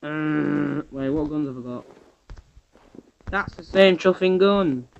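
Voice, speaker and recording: A man giving chatty, excitable gameplay commentary to his viewers. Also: on the high side, slow, gravelly, highs cut off. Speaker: gamer.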